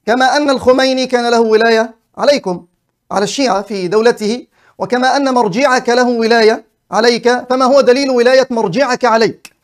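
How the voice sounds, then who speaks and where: A man with a strikingly high voice presses his point in a heated religious debate. He talks quickly in formal phrasing and keeps demanding an answer over and over.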